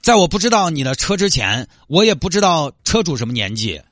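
A man's voice: on the high side, very animated, fairly quick, fairly bright tone, no echo, studio quality. A man voicing a sheepish young man who hit a car, hesitant and apologetic.

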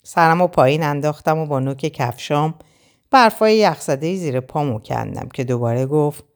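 A woman reads a first-person novel aloud as narrator, telling the story with expression. Her voice is low for a woman, yet her pitch moves widely and keeps the telling animated. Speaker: audiobook narrator.

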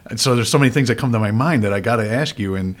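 An enthusiastic male host, himself a police officer, talks quickly in a low voice. He piles up questions and repeats words as he goes. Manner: warm, enthusiastic, repeats words when excited. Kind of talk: conversational interview.

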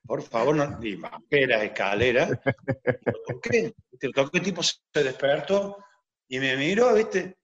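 A comedian telling a rambling anecdote full of asides. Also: male voice, mid-range voice, animated, unhurried, fairly bright tone, highs cut off, slight background noise. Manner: rambling storyteller, many asides. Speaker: comedian guest.

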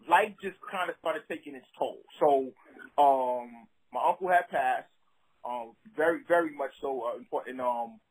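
A man with a Brooklyn accent and a husky voice, a rapper talking casually in an interview in slangy, streetwise, emphatic phrases. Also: medium pitch, rough recording. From Brooklyn, New York City.

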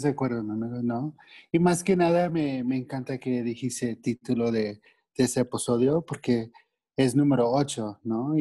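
A man's voice: mid-range voice, dark tone, no room sound. A man from Texas speaking Spanish with English words mixed in, as a guest in a casual interview, tagging many sentences with "no?". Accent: Texan Spanish with English words. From Texas, United States. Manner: friendly, mixes English words, asks 'no?' often.

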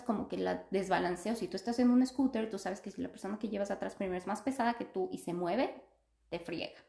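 A woman's voice: mid-range voice, vocal fry. A young woman, a podcast guest, telling a personal story in casual, chatty conversation and laughing often. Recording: echoey room.

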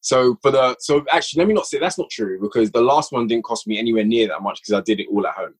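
His voice is husky and mid-range, and he talks fast. On a laid-back podcast, this audio drama writer and producer goes on at length about his work, restarting his thoughts again and again.

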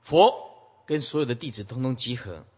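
A man giving an animated Buddhist sutra lecture, repeating commands to his listeners, with a husky voice. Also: mid-range voice, moderate pace. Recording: muffled, echoey hall.

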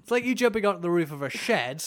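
A man's voice: sits high, expressive, fast talker, fairly bright tone. Chatty man, podcast co-host. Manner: enthusiastic, joking, explains facts. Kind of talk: casual podcast chat.

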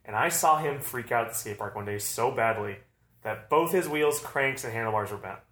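Man, thirties, from arizona, casual chat, rambling storyteller, mid pitch, echoey room. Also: lively intonation, brisk, fairly bright tone. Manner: rambling storyteller, loose and laid-back. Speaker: podcast co-host, BMX rider.

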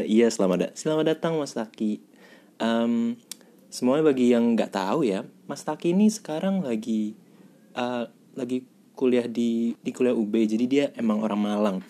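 A young man hosting a casual podcast, chatty and slangy and quick to laugh. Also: medium pitch, warm tone. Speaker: podcast host.

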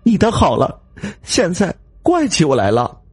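A man's voice: huge pitch swings, moderate pace, gravelly, a little mellow, husky, no echo, heavily acted. A man voicing a greedy, scheming wife who bosses and scolds her timid husband. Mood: tearful angry. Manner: scolding, bossy, shrill. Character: scheming greedy wife, woman, sharp-tongued.

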